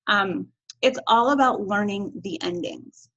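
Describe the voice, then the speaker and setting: A woman's voice: mid-range voice, measured pace, a bit bright, muffled recording. A woman teaching Spanish verb conjugation in a recorded video lesson, upbeat and encouraging, chanting endings.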